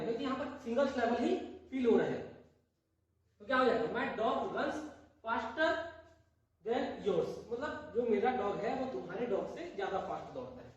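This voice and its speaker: A male teacher walks through a grammar lesson, sounding out words slowly and repeating them. He keeps asking his listeners questions and then answers them himself. His voice comes from some distance in a hard, very echoey room. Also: very high-pitched, highs cut off. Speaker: English teacher. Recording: very echoey room, voice far from the mic.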